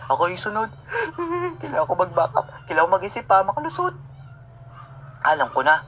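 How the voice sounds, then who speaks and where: A man voicing a scared, scheming young boy in a homemade animated cartoon. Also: sits high, fairly quick, slight background noise, pitched above the performer's own voice, full character voice. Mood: panicky. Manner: panicky, whiny.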